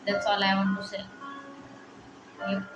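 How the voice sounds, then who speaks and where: Monotone and a little slow, a mid-range female voice comes through dull audio, echoing in a room with music behind. She's a vlogger in her twenties, quietly upset and reflective, hesitantly rambling through personal worries with heavy use of fillers.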